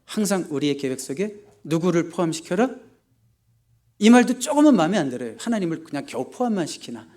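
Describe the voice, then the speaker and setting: A male pastor preaching a sermon, animated and rhetorical, moving between loud emphatic lines and quiet asides while he asks his congregation questions. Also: on the high side. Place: church service.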